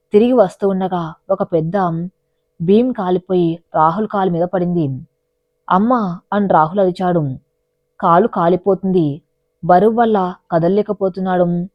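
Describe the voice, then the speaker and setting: Low-voiced woman telling a story. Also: dry recording, lo-fi sound. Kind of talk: scripted narration of a drama story.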